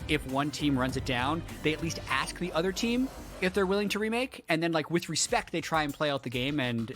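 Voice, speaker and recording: A man's voice: fairly high pitch, animated, fairly quick, a bit bright. A man giving casual, analytical color commentary on a competitive video game. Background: music.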